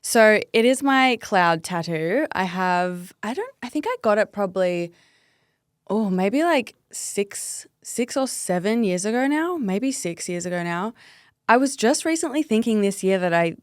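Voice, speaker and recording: A woman's voice: medium pitch, expressive, unhurried, clean tone, dry recording, clean studio sound. An Australian woman in her thirties from Melbourne, chatting openly as a podcast guest and saying 'like' a lot. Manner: chatty, open, uses 'like' often. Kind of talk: casual interview chat.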